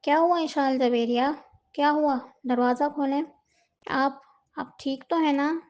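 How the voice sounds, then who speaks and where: A woman reading the part of a gentle, patient young husband in a soft, tender tone. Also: a little high, steady tone, takes it slowly, dull audio.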